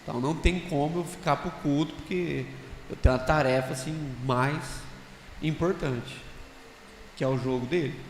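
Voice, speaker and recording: A man with a fairly high voice talks casually on a church conference panel, spinning stories and putting rhetorical questions to the audience. His voice rings through a large, echoey hall with a long reverb tail. A faint ambient hum sits underneath. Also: normal speed. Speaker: conference panelist sharing reflections.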